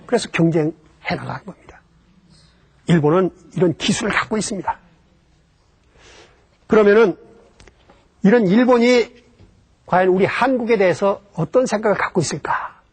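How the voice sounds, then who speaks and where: A man's voice: high-pitched, normal speed, long pauses, breathy edge. A man giving a history lecture about Japan, explaining step by step and posing rhetorical questions that he then answers himself.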